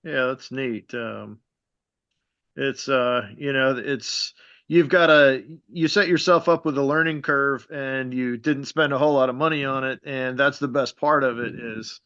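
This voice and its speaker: A man's voice: medium pitch, unhurried, sharp tone, clean tone, no echo. A man chatting casually as a host on a video call. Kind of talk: casual chat. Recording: slightly dull video-call audio.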